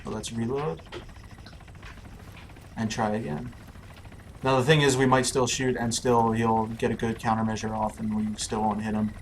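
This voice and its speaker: A man talks through his gameplay in a relaxed, friendly way at an ordinary mid pitch. Faint background noise sits under his voice. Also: moderate pace, long pauses, rough recording. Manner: easygoing, narrates his play, laughs easily. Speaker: livestream presenter demoing a game. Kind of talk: live gameplay commentary. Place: studio office.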